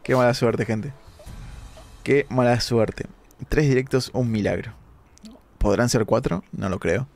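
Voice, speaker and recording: A young man, hoarse from a sore throat, giving animated live-stream gameplay commentary with dramatic outbursts. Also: medium pitch, unhurried, pauses often. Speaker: gaming streamer.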